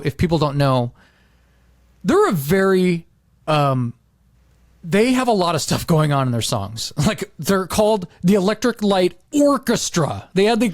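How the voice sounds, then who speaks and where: A middle-aged American man hosts a podcast, chatting casually, rambling and repeating himself with animated emphasis. His voice is high, and the clean studio sound has no echo.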